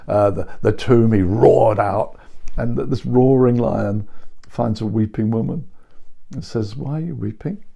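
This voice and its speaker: An older man giving an earnest, reflective devotional talk and voicing scripture quotes softly. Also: medium pitch, gravelly. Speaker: preacher.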